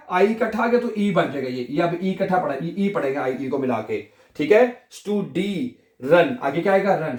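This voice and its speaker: A man teaching a language lesson, repeating each word slowly and asking and answering his own questions. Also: high-pitched, darkish tone, reverberant.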